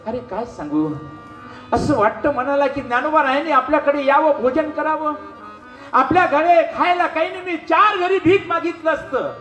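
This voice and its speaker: A man's voice: high-pitched, animated, unhurried, recorded from a distance, soft background music. A man voicing a poor, grieving mother who laments her unmet wish. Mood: lamenting. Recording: roomy hall with faint instruments.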